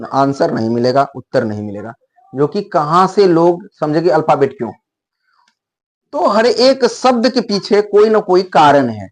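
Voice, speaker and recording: Male teacher, high voice, explains patiently and repeats words aloud to model pronunciation. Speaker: English teacher. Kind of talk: explanatory video lesson.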